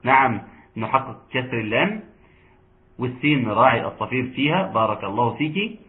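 A man with an Egyptian accent teaching Quran recitation rules, chanting verses slowly and explaining quickly. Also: medium pitch, expressive. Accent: Egyptian Arabic. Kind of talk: online tajweed lesson. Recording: tinny online call audio.

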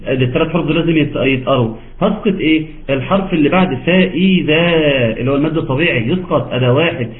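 A man with an Egyptian accent teaching Quran recitation in an online class, asking students questions and teasing them patiently. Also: on the high side. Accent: Egyptian Arabic. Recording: tinny phone-like call audio.

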